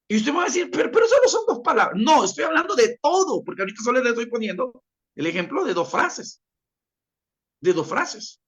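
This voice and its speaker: A male teacher delivers a classroom lecture, relying on repeated examples and speaking directly to his listeners. His voice is pushed and bright, with its pitch rising and falling a lot as he explains.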